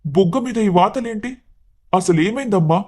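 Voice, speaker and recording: A woman voicing a worried, gentle older father in a storybook tale, pitching her voice lower. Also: animated, normal speed, lightly acted. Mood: anxious. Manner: pleading, anxious.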